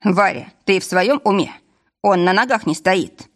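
A woman's voice: medium pitch, unhurried, close to an everyday voice. A woman reading an audiobook voices a stern former police officer who speaks firmly and curtly. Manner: firm, commanding, curt.

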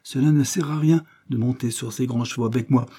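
A man reading an audiobook, voicing a good-humoured, mocking man who speaks calmly and teasingly. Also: medium pitch, a little fast, husky, pitched above the performer's own voice, lightly acted. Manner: calm, laughing, teasing.

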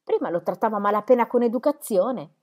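A woman's voice: on the high side, expressive, fast talker, darkish tone, voice pushed up. A woman voicing an indignant, vehement Dorothea. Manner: vehement, wounded, heated.

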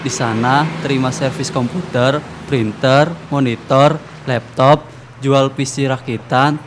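A man playing a calm, helpful neighbour offering practical advice in a radio ad skit. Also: medium pitch, a little slow, a little hiss or hum, natural voice. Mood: helpful, upbeat.

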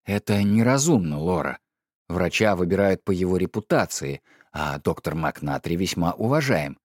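A man reading an audiobook, voicing a stiff, pedantic middle-aged husband who talks in a slow, measured, reproachful way. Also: low voice, expressive, no echo, clean studio sound, pitched below the performer's own voice.

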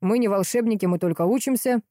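A woman's voice: medium pitch, quick pace, warm tone, no room sound, pitched above the performer's own voice, lightly acted. A woman voicing a middle-aged police colonel who talks in a dry, mocking, businesslike way. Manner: ironic and businesslike.

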